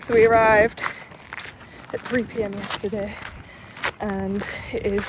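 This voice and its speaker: A woman chatting casually to camera while out on a mountain hike, upbeat and quick to laugh. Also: medium pitch, little pitch movement. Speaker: travel vlogger. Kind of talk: casual vlog chat to camera. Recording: noisy outdoor ambience.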